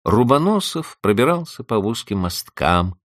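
A man narrating a classic story as an audiobook, with expressive, dramatic storytelling. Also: on the low side, a little slow, dry recording, studio quality.

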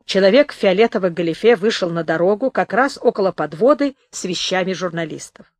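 Woman audiobook narrator, animated pitch, dry close studio sound. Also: brisk, dry recording. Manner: expressive, varied reading.

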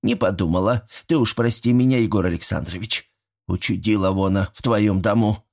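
A man's voice: lowish voice, moderate pace, gravelly, darkish tone. A man voicing a fussy, chatty old village woman who talks in a folksy way. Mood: fussing. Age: older.

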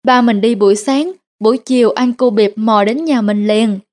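A woman reading a first-person story aloud in a steady, plain narrating tone. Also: on the high side, moderate pace.

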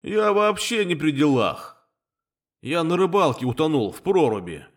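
A man's voice: a little high, very animated, measured pace, pitched above the performer's own voice. A man voicing the coarse, grumbling ghost of a drowned fisherman who lives in a candle. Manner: grumbling, colloquial.

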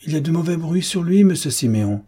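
Man doing a worried concierge, higher anxious exclamations, husky, audiobook. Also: lively intonation, quick pace, mellow. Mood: fretful. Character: fretful, devoted old male concierge.

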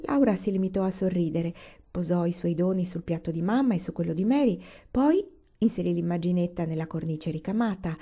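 A woman reading a children's novel aloud in a calm, unhurried storytelling manner. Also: fairly low pitch, lo-fi sound. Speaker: reader.

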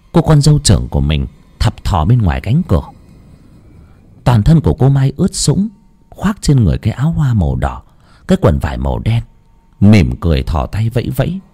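A man tells a horror story. His pitch swoops and rises with lively drama, and his pace shifts for effect. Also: moderate pace, long pauses, breathy edge.

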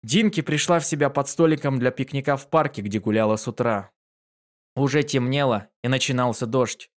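Man, calm storytelling, medium pitch, audiobook reading. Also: brisk. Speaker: narrator.

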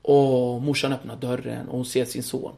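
A middle-aged man telling a story as a podcast guest, animated, acting out other people's voices and laughing often. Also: mid-range voice, gravelly.

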